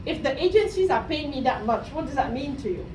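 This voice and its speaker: Here a Cameroonian coach delivers a motivational talk to students, her high, expressive voice moving a little fast. She checks in with the audience through questions, often saying "right?". The recording comes from a distant mic in a roomy university space, with faint background noise.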